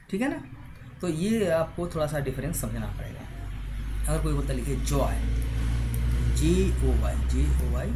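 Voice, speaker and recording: A man's voice: medium pitch, a little hiss or hum. A man giving a spoken lesson to students, spelling words out letter by letter and often checking in with a rising "right?". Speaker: teacher.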